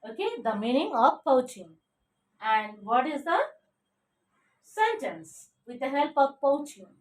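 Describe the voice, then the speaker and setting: Slow high-voiced woman teaching vocabulary. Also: sing-song. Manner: spells out words letter by letter, often asks "okay?". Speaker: English teacher. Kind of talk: vocabulary lesson. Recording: echoey room, voice a bit far from the mic.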